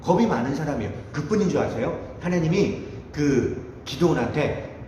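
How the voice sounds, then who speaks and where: A man delivers a lively sermon, acting out the people in his story and poking fun at himself. His pitch sits a little high and swings widely. The sound is very echoey, with a long hall reverb and faint room noise behind him. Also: moderate pace. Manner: animated, acts out quotes, self-mocking. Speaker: youth group preacher. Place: church hall.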